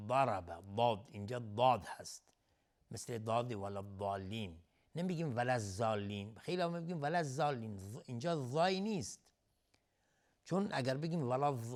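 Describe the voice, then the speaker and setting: A man teaching Quran recitation on a television lesson. He explains the pronunciation rules briskly, chants the verses slowly and melodically, and repeats single sounds again and again as a drill. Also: mid-range voice. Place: TV studio.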